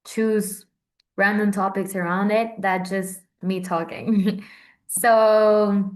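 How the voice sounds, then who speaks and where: A chatty Central American woman in her twenties, working as a Vatican correspondent, talks casually at a slow pace. Her voice sits at medium pitch with little movement, and her speech is full of fillers and restarts.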